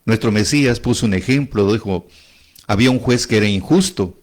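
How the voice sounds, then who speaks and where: A man's voice: lowish voice, fairly quick, darkish tone. A man preaching a sermon, repeating phrases for emphasis and asking rising rhetorical questions.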